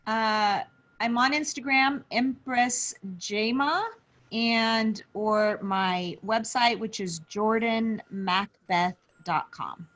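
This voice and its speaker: A woman's voice: a little high, slow, fairly bright tone. A woman guest astrologer on a radio show, chatting candidly and giggling often. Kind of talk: casual talk radio chat.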